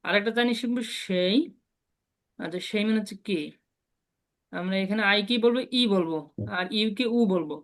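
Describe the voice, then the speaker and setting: A woman teaching a beginner Chinese lesson online, slowly drilling sounds for her students to repeat. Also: mid-range voice, a bit bright. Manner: patient, slow repetitive drilling of sounds.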